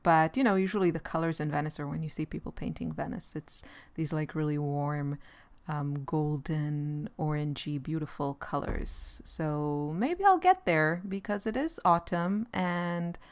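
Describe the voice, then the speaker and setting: A woman with an Israeli accent chatting casually about her art while she paints, relaxed and rambling. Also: sits low, unhurried. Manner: relaxed, rambling, with light laughs. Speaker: artist and channel host.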